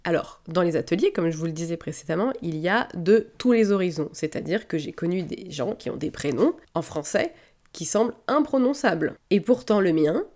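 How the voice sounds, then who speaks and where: Woman, slightly low voice, casual storytelling, talks straight to the listener. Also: expressive, brisk, a little mellow. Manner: addresses listeners directly and conversationally. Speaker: lingerie seamstress sharing workplace stories.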